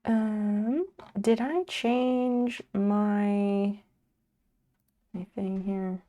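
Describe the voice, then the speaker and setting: Sleepy, slow-talking woman streamer. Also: mid-range voice, steady tone, mellow. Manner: rambling, offhand, swears casually. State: sleepy, yawning. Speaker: live streamer. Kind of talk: casual live-stream chat.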